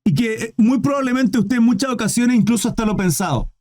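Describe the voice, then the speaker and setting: A man's voice: very high voice, fast, darkish tone. A man preaching a sermon with fervent, questioning delivery, often calling listeners "brother".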